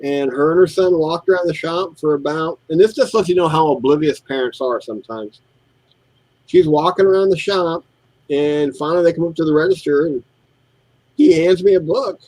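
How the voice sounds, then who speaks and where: A man's voice: fairly high pitch, moderate pace, no echo, rough recording. A middle-aged man telling shop stories in a casual chat while building models and mimicking his customers. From United States. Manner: animated storyteller, mimics customers. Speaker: co-host.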